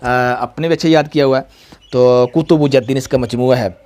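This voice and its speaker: A man's voice: mid-range voice, fairly even intonation, a little fast, mellow. A young man teaching a tajweed lesson, patient and repetitive, quizzing his pupils. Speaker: Quran reading teacher.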